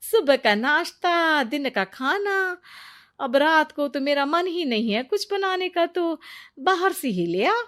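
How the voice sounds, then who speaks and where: A woman's voice: high-pitched, very animated, takes it slowly, a bit bright, heavily acted. A woman playing a sly cartoon mother-in-law. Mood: excuse-making. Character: lazy scheming middle-aged mother-in-law. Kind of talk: cartoon voice acting.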